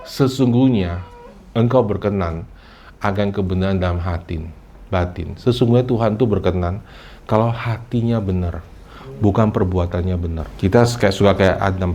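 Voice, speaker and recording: There's slight background noise as a male pastor preaches at normal speed. His delivery is animated and chatty, dropping English phrases and putting on a higher voice to play out the excuses people give.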